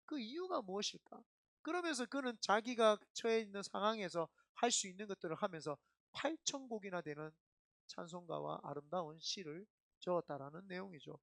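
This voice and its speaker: A middle-aged man, a senior pastor, preaching a sermon in an emphatic, animated storytelling way. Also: sits high, brisk, creaky, no echo, clean studio sound.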